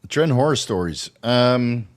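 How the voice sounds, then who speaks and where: A Dutch man in his forties with a slight accent hosts a casual livestream Q&A while tipsy, rambling loosely and swearing freely. His mid-range voice has lively intonation, and he takes his time.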